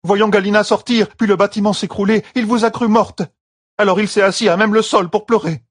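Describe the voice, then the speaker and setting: A man reading an audiobook and voicing an excited, loyal servant woman who reports news eagerly. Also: high-pitched, brisk, voice pushed up. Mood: explaining.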